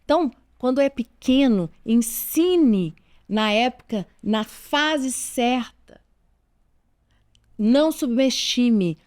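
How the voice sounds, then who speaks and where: A woman in her forties with a Brazilian Portuguese accent speaks straight to camera with parenting advice, earnest and emphatic, often repeating her key points. Her voice is on the high side and a little mellow, with lively intonation and an unhurried pace.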